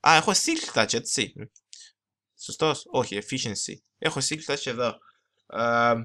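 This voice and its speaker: A young man giving casual gameplay commentary, talking fast and rambling, switching into English phrases and mocking himself. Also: medium pitch, creaky, bright, forceful tone. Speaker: gaming channel host. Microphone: desktop mic, no camera.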